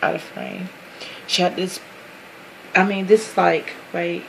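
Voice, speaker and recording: A woman's voice: fairly low pitch, a little slow, vocal fry, slight background noise, poor audio. A woman chatting casually to her viewers while unboxing a handmade craft box, gushing over each detail, apologizing often and calling everyone "guys.". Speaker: craft vlogger.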